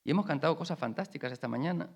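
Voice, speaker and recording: Man, pastor, sermon, colloquial, lively swings soft to loud, slightly high voice. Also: racing, creaky. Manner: colloquial, animated storytelling with rhetorical questions.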